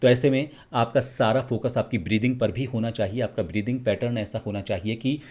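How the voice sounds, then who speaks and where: Calm, measured male voice coach. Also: medium pitch. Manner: calm, measured teaching, demonstrating vowels and humming. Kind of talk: instructional explanation.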